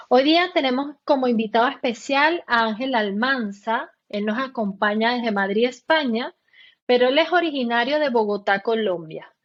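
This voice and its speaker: Dull-sounding female podcast host. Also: on the high side. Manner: friendly, structured hosting with fillers. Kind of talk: podcast interview.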